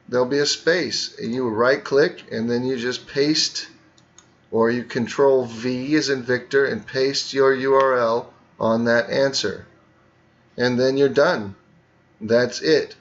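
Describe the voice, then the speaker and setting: A male teacher walks students through a screen tutorial at an unhurried, deliberate pace, explaining each click one step at a time. His voice sits at a middling pitch. The recording sounds a little dull and lo-fi.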